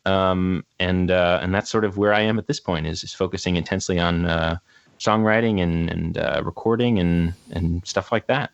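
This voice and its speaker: A young man with a very low voice, telling his story at length with plenty of ums and restarts. The sound is a little dull and close, with no room echo at all. He talks like a relaxed podcast guest. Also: normal speed, vocal fry. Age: 20s. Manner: rambling, lots of fillers and restarts. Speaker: guest, actor and musician. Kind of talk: casual interview chat. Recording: slightly dull, dry sound.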